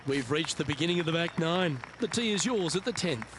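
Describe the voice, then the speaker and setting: A man's voice: a little high, animated, brisk, background noise, close to an everyday voice. A man working as a golf commentator, calling play shot by shot in a game broadcast. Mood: measured.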